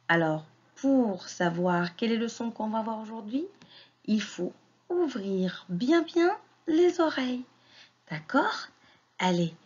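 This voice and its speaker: A woman teacher giving a reading lesson to young children, speaking slowly and clearly and encouraging them to repeat after her. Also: mid-range voice, dull audio. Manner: slow, clearly articulated, encouraging.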